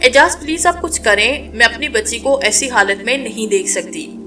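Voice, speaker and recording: A woman's voice: a little high, expressive, normal speed, pushed and bright, recorded from a distance, soft background music. A woman voicing an anxious, tearful mother who pleads with worry. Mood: worried. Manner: pleading, worried.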